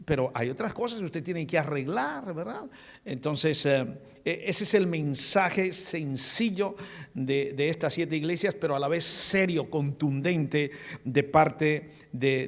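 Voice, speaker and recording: Male pastor, earnest sermon delivery, slightly high pitch, reverberant church sound. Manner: earnest preaching, addresses listeners as beloved, many restarts.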